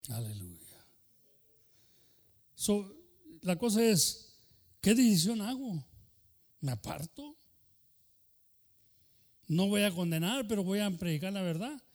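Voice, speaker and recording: Fervent high-voiced bilingual pastor. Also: male voice, expressive, slow pace, long pauses, a little mellow. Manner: switches between Spanish and English mid-sentence; fervent preaching punctuated by "aleluya" and "hermano". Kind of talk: sermon.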